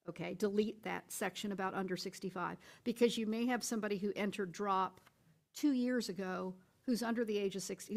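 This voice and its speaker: A woman school board member at a public workshop, laying out her point at length through step-by-step hypothetical examples with frequent restarts. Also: mid-range voice. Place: board meeting room.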